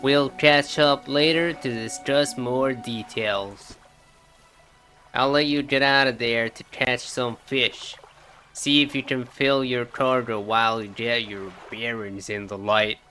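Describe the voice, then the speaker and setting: A man voicing a short, fussy harbor master with a put-on accent that wanders between Australian, British and American, speaking slowly and formally. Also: mid-range voice, steady tone, sharp tone, soft background music. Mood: welcoming.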